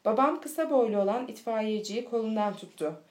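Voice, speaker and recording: A woman reading a children's storybook aloud in a steady, clear manner. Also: on the high side, moderate pace. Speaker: audiobook reader. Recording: echoey room.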